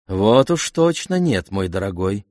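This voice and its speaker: A man's voice: fairly low pitch, big pitch swings, unhurried, darkish tone, no room sound, studio quality. A gracious queen, as a man puts her on. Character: gracious queen, affectionate and reassuring.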